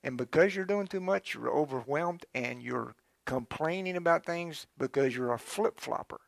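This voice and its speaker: A man's voice: fairly high pitch, normal speed, gravelly, no room sound. A man preaching a sermon in a conversational, folksy way, calling for amens from the congregation. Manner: conversational preaching with folksy asides and call-and-response. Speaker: pastor.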